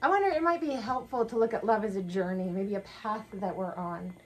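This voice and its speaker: Woman co-host with a slightly husky voice. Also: medium pitch, brisk, rough recording. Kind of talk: conversational sermon dialogue. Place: small wood-paneled room indoors.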